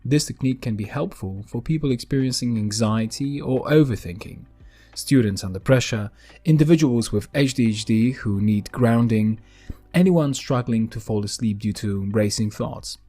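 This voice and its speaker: A man hosting a podcast in a calm, gentle, unhurried way, narrating a scripted grounding exercise with deliberate pauses. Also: mid-range voice, soft background music. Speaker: podcast host.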